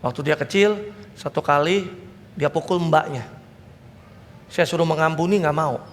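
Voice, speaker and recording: A man's voice: a little high, normal speed. A man preaching a sermon as pastor, telling family stories and acting out the voices of his children and parents. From Indonesia. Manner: animated storytelling, acting out family dialogue. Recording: reverberant church hall with faint noise.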